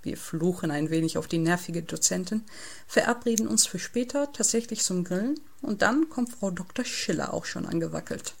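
A woman reading a novel aloud in the first person, with calm, wry storytelling. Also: fairly low pitch, gravelly. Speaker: audiobook narrator. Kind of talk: first-person audiobook narration.

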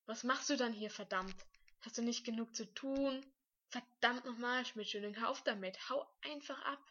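A woman voicing a distraught, tearful teenage schoolboy who shouts and pleads. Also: a little high, moderate pace, lo-fi sound. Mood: pleading shouts.

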